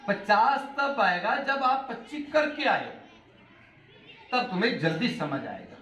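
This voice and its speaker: A high, bright-voiced middle-aged man talks to a room full of students, his pitch swinging widely as he quizzes them. He is heard from some distance in an echoey hall, with faint noise underneath. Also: a little slow. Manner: animated, asks the class questions, mixes in English phrases. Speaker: motivational speaker addressing students. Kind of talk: classroom talk to schoolchildren.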